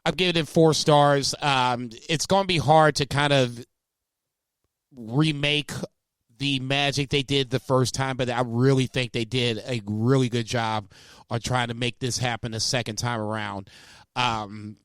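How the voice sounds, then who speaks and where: A man's voice: mid-range voice, steady tone, unhurried, fairly bright tone, clear, resonant tone, no room sound. A man co-hosting a podcast, giving rambling, laid-back opinions in casual chat. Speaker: podcast co-host.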